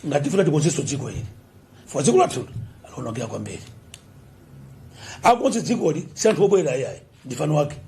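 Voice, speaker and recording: A man's voice: on the high side, big pitch swings, quick pace, vocal fry, pauses often, darkish tone. A man with a Malawian accent making an appeal to the public in short phrases at a political briefing. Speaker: government official. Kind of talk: political address at a press briefing.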